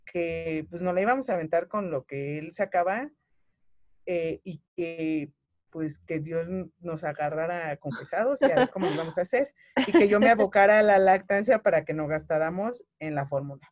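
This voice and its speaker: A Mexican woman in her thirties tells her own story as a mother, animated and emotional, slipping into the voices of the people she quotes. The sound is dry and close, with no room around it. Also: lowish voice, moderate pace, no room sound. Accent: Mexican Spanish. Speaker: guest mother. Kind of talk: personal story in conversation.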